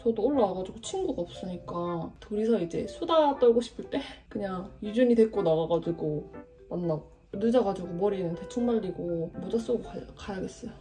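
A young woman from Busan, Korea, chatting cheerfully as a vlogger and mother of a baby, with quick laughs. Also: mid-range voice, animated, dark tone, far from the mic. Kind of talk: casual vlog chat. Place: home indoors, later a cafe. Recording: music playing under the voice.

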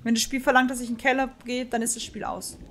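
A woman's voice: fairly high pitch, level tone, fast, a little hiss or hum. A woman streamer giving live commentary on a horror game, jittery and talking to her chat, with frightened outbursts. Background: faint game music.

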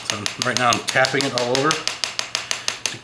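A metal scrapping YouTuber from the United States talks a little slowly in a mid-range voice as he works at an indoor workbench in his workshop. Sniffling, he thinks aloud casually and self-deprecatingly over a very noisy background.

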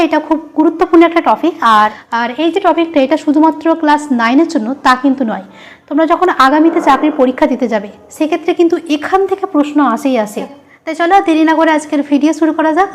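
High-voiced woman teaching a lesson. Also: very fast. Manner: asks a question, then answers it herself, repeating key terms. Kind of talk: classroom lesson at a board.

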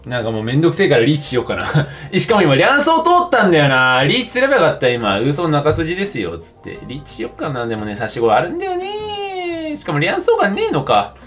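A young man with a fairly high, wildly animated voice chats casually on a game livestream. He sounds tipsy, rambling along in loose slang between bits of play commentary. Faint music plays behind him. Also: fast, hardly any pauses.

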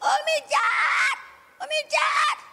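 A woman voicing a whiny little child who cries and shouts. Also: extremely high pitch, level tone, a little slow, creaky, very noisy, voice pushed up, exaggerated voice. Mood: shouting. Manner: tearful shouting and wailing. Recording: long reverb of a hall.

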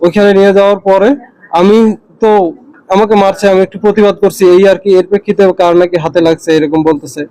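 A man's voice: high voice, steady tone, brisk, dark tone, clear, resonant tone, poor audio. A young man, a university student, giving an earnest first-person account with frequent restarts. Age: young adult. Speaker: university student recounting an attack.

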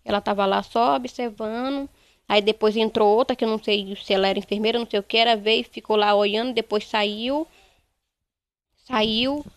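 A young woman, giving a halting, repetitive first-person account in a news interview. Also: a little high, steady tone, smooth, dry recording. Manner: halting, repetitive retelling, quoting others. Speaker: interviewee, bereaved mother.

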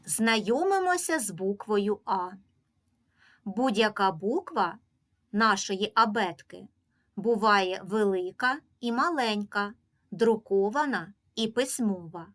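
A woman with a Ukrainian accent teaching a reading lesson to young children, drawing out each example word slowly and giving patient, clearly paced instructions. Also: mid-range voice, fairly bright tone. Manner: slow, drawn-out pronunciation of example words.

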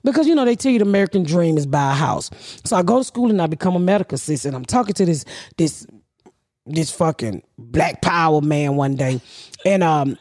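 A woman's voice: deep voice, animated, a little fast, a little mellow, dry recording, clean studio sound. A middle-aged woman hosting a podcast, telling rambling stories in a blunt, profane way, recorded on a handheld mic in a living room. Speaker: podcast host. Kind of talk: casual storytelling chat. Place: living room couch, indoors. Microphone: handheld mic with headphones.

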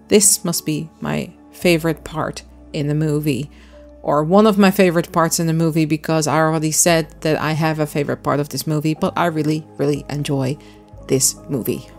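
A woman with a somewhat low voice narrates her own crafting vlog in a relaxed, chatty way, walking through each step of a miniature build. Soft music plays faintly underneath. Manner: friendly, chatty, explaining step by step. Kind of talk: casual voice-over narration.

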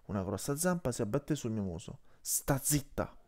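A man's voice: lowish voice, fast talker. A man reading an audiobook aloud, narrating in the first person and voicing each character. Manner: expressive, voices the characters. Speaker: audiobook reader.

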